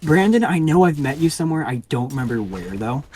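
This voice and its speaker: A man's voice: fairly high pitch, big pitch swings, fast talker, over a noisy crowd. A man chatting casually on a podcast, telling rambling stories with frequent laughs. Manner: giggly, rambling storyteller. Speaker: podcast guest.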